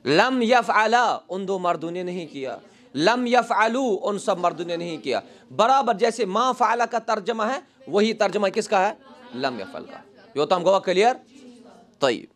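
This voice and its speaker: A man teaching a grammar lesson in a classroom, asking his class questions and answering them himself, saying each Arabic example slowly and then translating it. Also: high voice, lively intonation.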